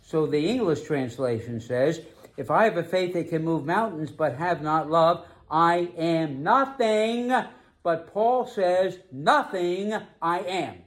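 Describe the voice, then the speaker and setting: A man preaching a sermon as pastor, emphatic, slowing down to stress key phrases. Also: fairly high pitch.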